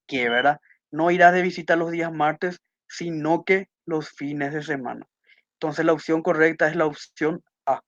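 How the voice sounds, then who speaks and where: A man's voice: a little high, fairly even intonation, normal speed, fairly bright tone, dry recording. Man teaching with muffled dry audio. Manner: patient, repeats key points with tag questions. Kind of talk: online class explaining test answers.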